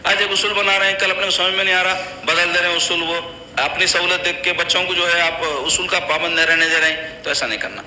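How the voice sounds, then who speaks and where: An Islamic preacher with a high, sharp voice gives an earnest, admonishing lecture on raising children to a congregation, using plain conversational phrasing. The hall is echoey, with faint noise.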